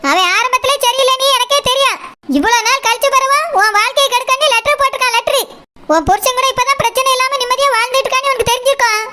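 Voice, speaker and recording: A bossy, protective cartoon sister-in-law lectures in a squeaky, very high voice, as a woman acts her out. Her talk is quick and glaring bright. A faint hiss of noise runs underneath. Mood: suspicious. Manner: scolding, lecturing.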